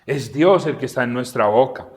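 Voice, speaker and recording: A man teaching the Bible in a relaxed, conversational way, asking his listeners questions and acting out little scenes. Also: medium pitch, moderate pace. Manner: animated, asks the audience questions, acts out dialogue. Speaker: preacher and podcast host.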